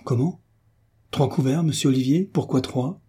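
A man's voice: mid-range voice, normal speed, mellow, slightly rough. A man reading aloud as a fussy housekeeper woman, with fretful exclamations.

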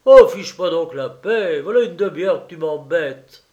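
A man voicing a gruff, impatient husband who snaps back in blunt, loud retorts. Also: on the high side, slow, dull audio.

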